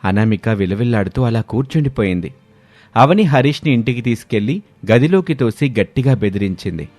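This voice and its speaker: A man narrating a moral storybook in a steady, expressive way. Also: medium pitch, a little fast, dry recording, faint music behind.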